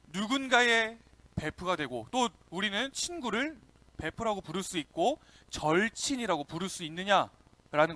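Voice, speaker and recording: Lively high-voiced young man preaching to kids. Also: no room sound. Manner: lively, calls out to kids and asks questions. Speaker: youth pastor. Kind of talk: children's sermon.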